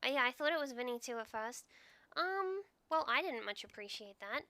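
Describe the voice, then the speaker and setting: A woman's voice: sits high, expressive, brisk, sharp tone, no room sound. A woman streaming a roleplay game, chatting casually in character and swearing now and then.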